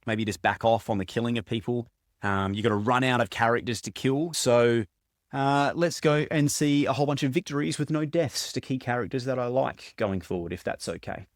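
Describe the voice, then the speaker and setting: A man's voice: brisk, no room sound, studio quality. A man talking casually about a book he is reading, rambling and correcting himself as he goes. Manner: chatty, rambling, self-correcting, animated pitch jumps. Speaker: book reviewer. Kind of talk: casual reading-reaction vlog.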